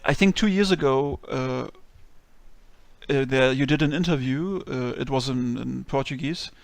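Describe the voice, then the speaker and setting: Gravelly-voiced man interviewing casually. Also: medium pitch, unhurried, no room sound. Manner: friendly, hesitant questions with many ums.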